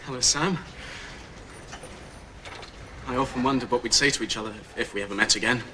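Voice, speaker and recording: A man's voice: medium pitch, a little fast, natural voice. A man playing a hesitant, wry ex. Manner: hesitant, dry. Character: awkward, wry former boyfriend. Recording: distant, noisy broadcast sound.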